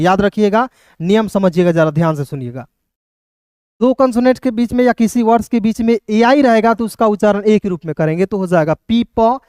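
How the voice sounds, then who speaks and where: A man teaching English spelling rules, spelling out letters slowly and often asking viewers whether it is clear. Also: sits high, a little mellow, dry recording, studio quality. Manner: repeats questions to viewers, checks "clear?" often; slow, spelled-out letter drilling. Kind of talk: classroom-style spelling lesson. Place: hot room with a fan running.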